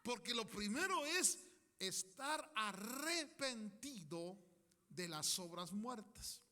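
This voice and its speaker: A man's voice: sits high, animated, slow pace, sharp tone, in a large hall. A man preaching a sermon, emphatic, calling his congregation to repeat declarations after him and acting out quoted people.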